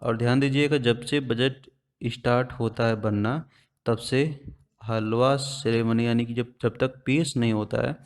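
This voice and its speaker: A man gives an exam-prep lesson. He moves step by step, often putting a question to the class and then answering it himself. His voice sits at an ordinary middle pitch. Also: fairly even intonation, measured pace, clean tone. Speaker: teacher.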